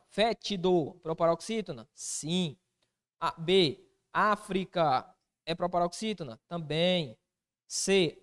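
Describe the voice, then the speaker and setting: A man teaching an exam-prep grammar lesson, asking himself questions as a student and answering them in casual slang. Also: sits high.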